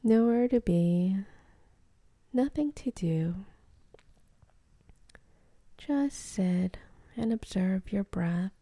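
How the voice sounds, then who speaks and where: A woman guides a meditation in a soft, breathy half-whisper, calm and gentle, leaving long pauses between phrases. Her voice sits in the mid-range, and there's no echo.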